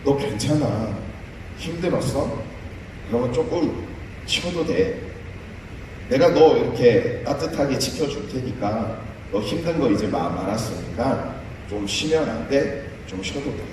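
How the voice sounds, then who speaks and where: Pastor doing a low soothing god voice, fatherly and gentle, mic far away in a big echoey room. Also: expressive, background noise, lightly acted. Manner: soft, slow, low reassuring tone.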